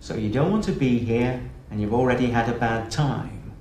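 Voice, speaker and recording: A weary middle-aged schoolmaster, as a man plays him stumbles through his words with many pauses and flares up sharply at times. The voice sits at an ordinary pitch. It rings in a roomy space over a faint hiss, like an old TV soap. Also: natural voice. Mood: conciliatory. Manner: hesitant, halting, with sudden sharp outbursts. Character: awkward, weary male schoolmaster at a rough comprehensive school. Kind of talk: 1980s British TV soap acting.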